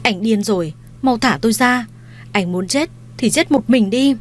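A woman's voice: fairly high pitch, moderate pace, slight background noise, voice pushed up, close to an everyday voice. A woman voicing a weary, defiant young wife. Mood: frantic. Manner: cold, firm refusal.

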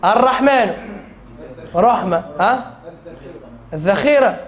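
High-voiced Tunisian teacher drilling students. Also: male voice, animated, takes it slowly. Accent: Tunisian Arabic. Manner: drills students, repeats lines, chants rules. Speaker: Quran recitation teacher. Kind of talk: classroom lesson with chanted verses.

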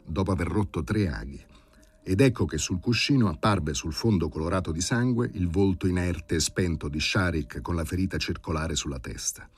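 Deep-voiced man reading a novel aloud. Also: slightly rough. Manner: measured, vivid storytelling. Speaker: audiobook reader. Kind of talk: dramatic literary reading.

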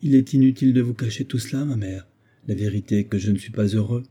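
A man's voice: quick pace, warm tone, husky. A man voicing an anguished young widower, haunted by his dead wife and pleading emotionally. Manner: pleading, emotional, rising in pitch.

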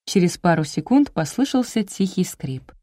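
A woman narrating a first-person audiobook in a lively, expressive way. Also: on the low side, normal speed, no room sound, clean studio sound.

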